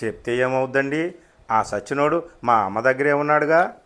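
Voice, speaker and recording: A man voicing a quick-witted teenage girl who answers in quick, matter-of-fact replies. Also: medium pitch, expressive, fairly bright tone, lightly acted.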